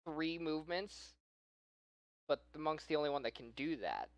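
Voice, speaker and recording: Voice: mid-range voice, animated, normal speed, no echo. A podcast regular who runs tabletop games, explaining rules and ideas at length in long winding runs. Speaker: game master. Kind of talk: casual podcast chat.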